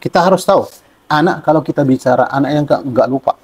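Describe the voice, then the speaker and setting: Male religious teacher, husky and fairly high voice, casual lecture delivery, asks his own questions. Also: quick pace, a little mellow.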